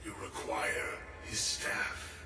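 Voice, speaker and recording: A whispering ancient seer, whispered role-play. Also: male voice. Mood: ominous. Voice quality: breathy whisper. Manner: slow, cryptic pronouncements. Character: ominous ancient male seer spirit. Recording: game audio under music.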